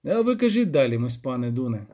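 A man voicing a calm, patient monster hunter who speaks in a measured, polite way. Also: mid-range voice.

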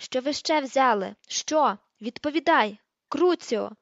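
Woman doing a vicious witch, loud, slow menace, dull lo-fi audio. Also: high voice, animated, dry recording, voice pushed up, heavily acted. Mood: vicious, shouting. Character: cruel shrieking female witch interrogator. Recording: dull lo-fi recording.

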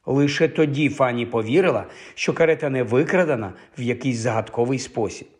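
A man narrating a fantasy audiobook in a measured, expressive storytelling manner. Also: medium pitch.

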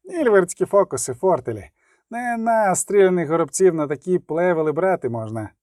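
A man's voice: high voice, expressive, normal speed, no echo, studio quality. A man doing a brash hot-headed young outlaw. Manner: brash, shouting.

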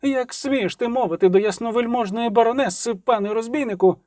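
A man's voice: very high voice, fairly quick, dark tone, dry recording, clean studio sound, pitched above the performer's own voice. A man voicing a stout older woman chaperone with a brittle voice, indignant and pompous.

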